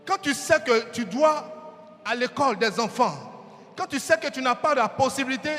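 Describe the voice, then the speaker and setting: A man preaching a sermon in a fervent, shouting style with dramatic repetition. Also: very high voice, lively intonation, normal speed. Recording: reverberant hall with faint music.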